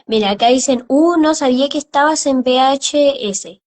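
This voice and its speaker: Lady host, a bit high voice, easygoing, runs her sentences together. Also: normal speed. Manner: relaxed, talks in loose run-on phrases. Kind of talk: casual interview chat.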